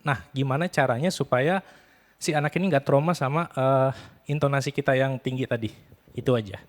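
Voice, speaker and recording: Male audience member, mid-pitched voice, polite and tentative questioner. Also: fairly quick. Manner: polite, tentative, adds tag "ya".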